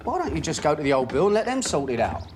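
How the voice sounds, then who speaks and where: A man's voice: fairly high pitch, big pitch swings, fast, background noise. An actor playing a practical London tough man in a TV drama, informal and reasoning. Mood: reasonable.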